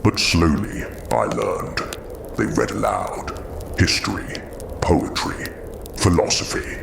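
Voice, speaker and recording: A man playing Frankenstein's monster in an audio drama, a huge, sorrowful creature speaking in slow, weighted, halting phrases. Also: fairly low pitch, vocal fry, noisy background, heavily acted. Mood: wistful.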